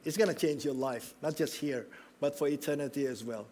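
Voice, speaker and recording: A man preaching with a slightly raised pitch. He is earnest and emphatic. He keeps checking in with his listeners as he builds each point. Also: fairly quick, warm tone. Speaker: pastor. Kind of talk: sermon.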